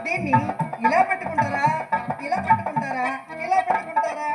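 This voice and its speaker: A woman's voice: high voice, brisk, natural voice. A woman playing a coy young woman coaxing. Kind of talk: stage comedy acting. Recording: stage recording with loud music.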